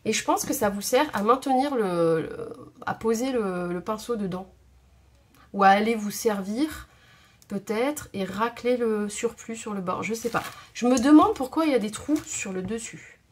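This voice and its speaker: A woman with a medium-pitched voice talks at a moderate pace while hosting an indoor craft video from her home table. It's a casual tutorial chat, full of hesitations as she thinks out loud.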